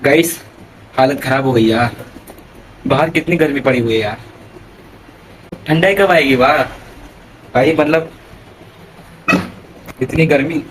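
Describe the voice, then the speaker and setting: A man's voice: a little high, a little hiss or hum, rough recording. A young man talking casually to camera in a vlog, chatting to viewers and calling them guys and brother. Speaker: vlogger. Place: outdoors and indoors, around his coaching centre and home.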